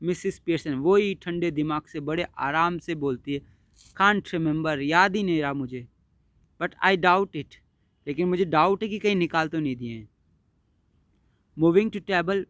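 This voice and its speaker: A man's voice: a little high, moderate pace, no room sound. A man teaching English, explaining a play line by line and mixing in translation. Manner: mixes Hindi explanation with English text.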